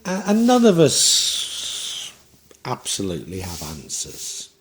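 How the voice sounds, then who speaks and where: A man's voice: on the low side, huge pitch swings, takes it slowly. A man in his sixties giving a tarot reading in a reflective, rambling way with frequent restarts. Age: 60s. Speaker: tarot reader.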